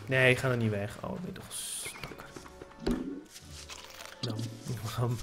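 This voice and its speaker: A man's voice: mid-range voice, flat delivery, takes it slowly, music in the background. A man casually commenting on his survival game, swearing and coaxing an in-game pig in a playful sing-song voice. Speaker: gamer streaming a survival game. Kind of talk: casual let's-play commentary. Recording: noisy home setup.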